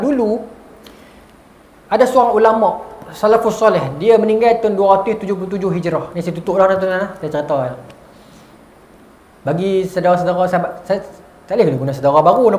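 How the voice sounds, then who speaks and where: Malaysian guy preaching a religious class, lively, keeps going "ha?", echoey room, faint hiss. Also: high voice. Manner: lively, asks listeners "ha?" often. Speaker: religious lecturer. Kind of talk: mosque lecture.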